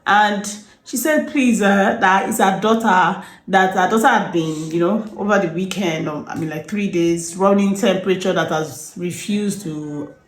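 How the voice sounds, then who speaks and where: Calm woman telling stories. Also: medium pitch, normal speed, few pauses. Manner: calm, rambling storyteller with frequent "you know". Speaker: herbalist and nutritionist. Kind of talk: storytelling in an interview. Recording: echoey room.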